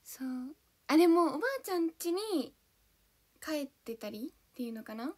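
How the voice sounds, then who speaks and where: A woman's voice: sits high, animated, moderate pace, mellow. A young woman chatting casually on a livestream, bubbly and giggly, reading out and thanking viewers' comments one by one. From Kanto, Japan; born in Hiroshima. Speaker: idol livestreamer.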